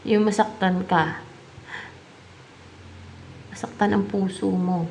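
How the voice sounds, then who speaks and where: A woman's voice: medium pitch, fairly even intonation, slow pace, vocal fry, a little mellow, slight background noise. A woman with a Filipino accent giving a tarot reading, musing aloud as she asks and answers her own questions. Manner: mixes English tarot terms into her talk. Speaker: tarot reader.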